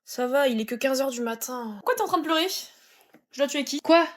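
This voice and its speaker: A woman's voice: sits high, brisk. A young woman performing comedy sketches, snappy and sarcastic, switching between characters.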